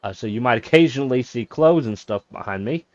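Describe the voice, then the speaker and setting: A man streaming a game from a small closet office, chatting casually in a monotone way, with many fillers. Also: medium pitch, fairly quick, dry recording, highs cut off. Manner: self-described monotone, rambling with fillers. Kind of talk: casual live-stream chat.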